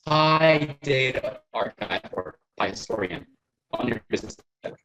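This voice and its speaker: A man's voice: medium pitch, expressive, measured pace, pushed and bright, dull audio. A man presenting a technical webinar over a video call, his audio choppy and cutting out. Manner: explanatory, with frequent "right?" and "um". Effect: choppy internet audio cutting out.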